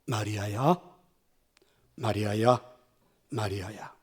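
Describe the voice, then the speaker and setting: A man doing a soft, tender Jesus. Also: on the high side, moderate pace, breathy edge. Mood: gentle. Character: gentle risen Jesus, calm grown man.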